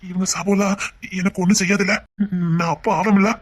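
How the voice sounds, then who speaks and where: An actor playing an emotional young husband in a TV drama, talking earnestly and seeking reassurance. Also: male voice, high voice, little pitch movement, fairly quick. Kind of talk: TV serial acting.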